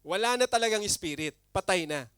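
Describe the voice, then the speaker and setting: A man preaching a sermon as pastor, animated, with big swings between loud and soft. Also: high-pitched, fairly quick, clean tone, no echo.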